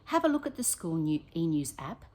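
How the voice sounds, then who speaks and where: This primary school teacher reads a picture book aloud to kids a little fast, her voice low and slightly husky. She puts expression into it and asks her listeners questions along the way.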